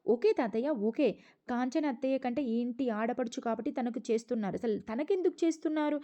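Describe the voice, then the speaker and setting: A woman voicing an angry, jealous young woman from a TV serial who complains in shrill, accusing bursts. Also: brisk, warm tone, lightly acted. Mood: sulky.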